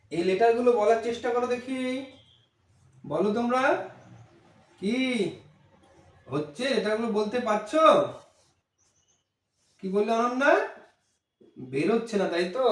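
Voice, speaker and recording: A man giving a mock demo lesson to young children, coaxing them along and asking questions he then answers himself. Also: very high voice. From Bangladesh. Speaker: teacher. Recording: echoey room, mic at a distance.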